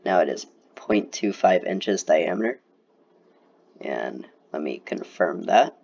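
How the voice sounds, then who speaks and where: A man's voice: low voice, lively intonation, slow, creaky, a little mellow, slightly rough. A young man who is a little sick, casually explaining a CAD tutorial over a screen recording, with lots of fillers. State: sick, slightly congested. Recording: dull, lo-fi voice recording.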